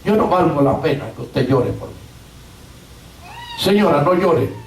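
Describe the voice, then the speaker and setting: A woman voicing a remorseful young male prisoner who gently pleads. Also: low-pitched, lively intonation, unhurried, vocal fry, full character voice. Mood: pleading. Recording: roomy church sound from far off.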